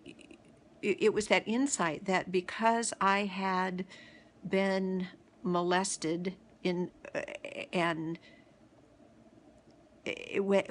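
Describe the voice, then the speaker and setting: Sharing a reflective story from her own life, the middle-aged host of a daily video series speaks haltingly, with many pauses and restarts. She has a lowish, somewhat bright voice.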